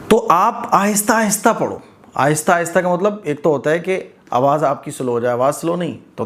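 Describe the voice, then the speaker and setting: A man teaching Quran reading in an informal lesson, talking straight to learners in an encouraging way. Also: on the high side. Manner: demonstrates recitation, drawing out words very slowly; encouraging, direct address to learners.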